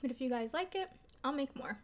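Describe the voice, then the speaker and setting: A woman's voice: high-pitched, animated, brisk. A young woman vlogging in a casual mukbang style, chatting informally to viewers over food with lots of filler words and mild swearing. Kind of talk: casual mukbang chat to viewers while eating.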